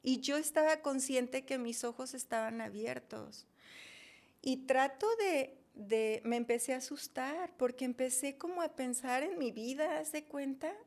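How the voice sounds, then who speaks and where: Gravelly-voiced woman telling her story. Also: sits high, unhurried, a little mellow. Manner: emotional, storytelling, reenacting her own pleas. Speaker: guest. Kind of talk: personal testimony in a podcast interview.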